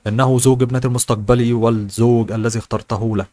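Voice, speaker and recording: A man's voice: mid-range voice, fairly even intonation, rapid-fire, warm tone, no room sound, lightly acted. A man reading the lines of a stern, cold middle-aged father in a novel audiobook, firm and commanding.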